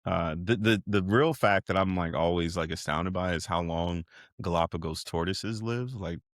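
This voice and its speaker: A man in his thirties, a professor guest on a podcast, laughing and joking about himself in halting, filler-filled talk. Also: sits low, no room sound, clean studio sound. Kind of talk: casual interview chat.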